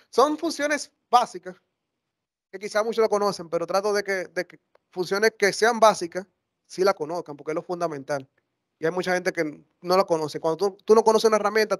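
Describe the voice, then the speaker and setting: A high-voiced man walks a class through a live software demo. His delivery is chatty and he often stops to correct himself mid-sentence. The sound is dry and close, with little room tone. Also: no room sound. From Dominican Republic. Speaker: workshop instructor. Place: classroom or lecture hall.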